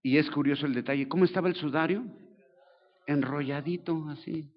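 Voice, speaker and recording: An older man with a Mexican accent preaching a sermon as pastor, colloquial and joking, telling the story with lively slang. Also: fairly high pitch, fairly quick, muffled recording. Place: church.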